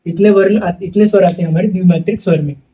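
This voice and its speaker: A young man teaching a class speaks in a high voice that sounds dark and mellow. He dictates notes slowly, repeating each phrase word by word. His voice comes from a little way off the mic. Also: steady tone, far from the mic, poor audio.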